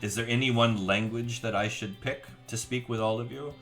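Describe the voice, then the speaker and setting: A man voicing a suave, well-groomed male collector who speaks in a smooth, courteous, unhurried way, over faint music. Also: mid-range voice, fairly even intonation, a bit bright, voice pushed up, close to an everyday voice. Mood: polite, gracious. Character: suave, polished middle-aged male collector.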